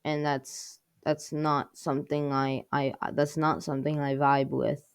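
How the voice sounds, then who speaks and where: A woman's voice: low voice, little pitch movement, a little slow, vocal fry, clear, resonant tone, no room sound, studio quality. A woman hosting a casual language review show, rambling and peppering her talk with "like". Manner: rambling, heavy use of filler "like". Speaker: host.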